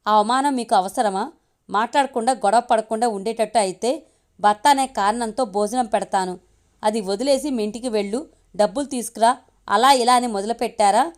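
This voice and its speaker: Lady reading a proud tough mom who won't back down, steady firm voice, audio story. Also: fairly high pitch, a little fast, lightly acted. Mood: defiant. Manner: quiet but firm and defiant. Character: firm proud long-suffering young mother.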